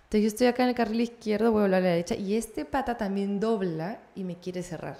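A young woman with a Peruvian Spanish accent telling a road story in casual chat, animated and often laughing. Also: mid-range voice, fast, vocal fry. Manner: animated, laughing, acts out voices in her anecdotes.

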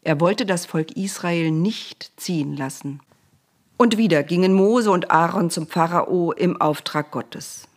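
A woman reading a Bible story aloud for children in a calm, plain storytelling manner. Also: fairly low pitch, unhurried.

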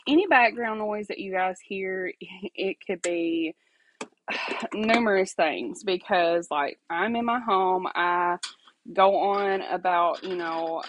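A woman with a mid-range voice runs a laid-back faith podcast by herself at home. She's talkative and apologetic, laughs frequently, asks "okay?" often, and sounds stuffed-up and sniffly. The audio is dull, with a little hiss or hum.

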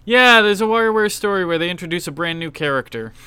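A man co-hosting a casual video game podcast. His voice is bright and crisp, with a clean, smooth sound. He talks frankly and with enthusiasm, and swears freely in the middle of his opinions. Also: high voice, animated, fast talker, no echo. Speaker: podcast co-host. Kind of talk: casual game-awards discussion.

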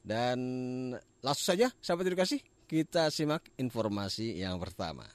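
Guy presenting radio news, medium pitch, dry close studio sound. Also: very animated, normal speed, no room sound. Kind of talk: radio education news reading with chatty greeting.

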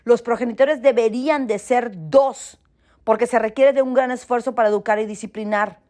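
A middle-aged woman talks earnestly about raising children, her voice sitting a little high. She mixes casual talk with passages read from a book and keeps turning to her listeners with a quick "¿sí?". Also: dark tone. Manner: earnest, addresses listeners directly with frequent "¿sí?". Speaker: mother giving parenting advice.

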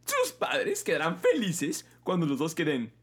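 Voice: mid-range voice, wildly swooping pitch, unhurried, slightly rough, full character voice. A voice actor doing a fussy bird advisor. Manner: prim, lecturing.

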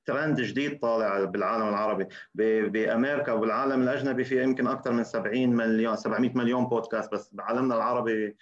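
Fast-talking low-voiced host, lo-fi sound. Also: male voice, fairly even intonation. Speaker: show host. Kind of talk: casual interview chat. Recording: dull lo-fi sound.

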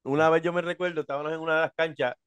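A man, a professional wrestler, telling animated stories in casual chat and acting out voices. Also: fairly high pitch, very fast, clear, resonant tone, no room sound, muffled recording. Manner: animated storyteller, acts out voices, says brother.

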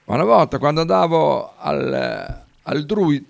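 A man's voice: on the high side, huge pitch swings, a little slow, vocal fry. A man with a Bolognese Italian accent bantering casually as a radio co-host, using dialect expressions and swear words.

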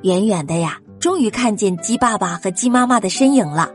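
A woman narrating a children's story, gently speaking to young listeners. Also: medium pitch, expressive, brisk, soft background music. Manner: gentle, addresses children directly.

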